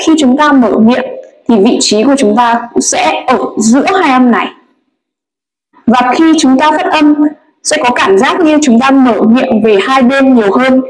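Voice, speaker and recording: A woman explains English vowels patiently and models each sound with care. Her voice is high and her pace is slow. The room around her is echoey. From Vietnam. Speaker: English pronunciation teacher. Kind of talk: recorded pronunciation lesson.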